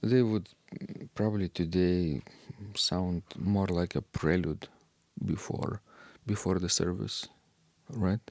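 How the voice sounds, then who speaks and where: A man with a very deep, gravelly voice talks through organ pieces at an unhurried pace. He pauses often and fills the gaps with hesitant ums. The sound is close and dry. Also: fairly even intonation, a little mellow, dry recording. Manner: slow and hesitant, with many fillers. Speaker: podcast co-host discussing organ music. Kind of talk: casual discussion.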